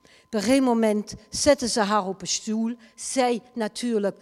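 A woman with a slightly high voice preaches at a moderate pace, dramatically retelling a story in a sermon. Her volume swings sharply up and down, and the recording has a long hall reverb.

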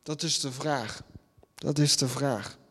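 A man's voice: medium pitch, slow, a bit bright, breathy edge, in a large hall. A man preaching a sermon and reading scripture, earnest, with emphatic repetitions and rhetorical questions.

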